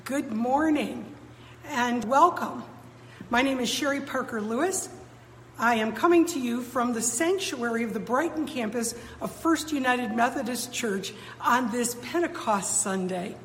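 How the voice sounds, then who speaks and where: A woman pastor giving a sermon in a measured, formal way, her voice ringing with the cathedral-like echo of a church sanctuary. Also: on the high side, a little hiss or hum. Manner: measured, formal pulpit delivery. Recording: long reverb from a large sanctuary.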